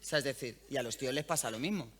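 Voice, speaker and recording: A woman's voice: a bass voice, very fast, crowd noise. A woman with a Spanish accent, a radio journalist speaking bluntly and earthily as a guest at an interview panel. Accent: Spain. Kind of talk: frank conversational interview. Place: event panel.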